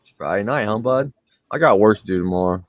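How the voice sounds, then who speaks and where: A man's voice: lowish voice, lively intonation, quick pace, no room sound, dull audio. Upbeat man hosting a live stream. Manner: greets viewers by name, upbeat. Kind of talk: casual chat on a live stream.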